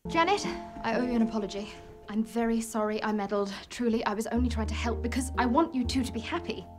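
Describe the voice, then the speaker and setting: A woman's voice: fairly high pitch, quick pace, lightly acted. An actress with a British accent playing a posh, dramatic, well-meaning woman socialite, speaking in a refined way, from a TV clip with music underneath. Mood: earnest.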